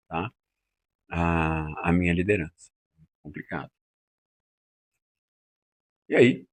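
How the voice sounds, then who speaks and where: A man's voice: lowish voice, fairly bright tone, husky. A man teaching a lecture on communication, often checking in with his listeners and acting out other people's lines. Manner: acts out quoted speakers in raised voices; uses frequent tag questions. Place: classroom.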